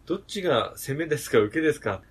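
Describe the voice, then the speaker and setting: A man's voice: fairly high pitch, lively intonation, quick pace, breathy edge. A man co-hosting a casual after-work chat, talking with a slight lisp in a playful, teasing way. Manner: slightly lisping, tongue-tied speech. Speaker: podcast co-host, junior colleague.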